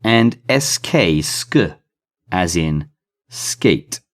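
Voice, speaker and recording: Speaking slowly, a low-pitched man with lively intonation works through an English phonics lesson. He spells out letters, sounds out blends, and carefully emphasizes every keyword in this deliberate session.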